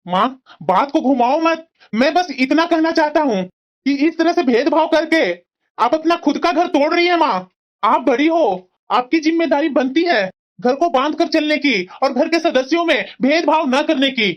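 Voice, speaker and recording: A woman voicing an earnest young son who pleads and reasons with his mother in an animated family drama. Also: high voice, normal speed, highs cut off, lightly acted. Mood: firm. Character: earnest young married son defending his sister-in-law.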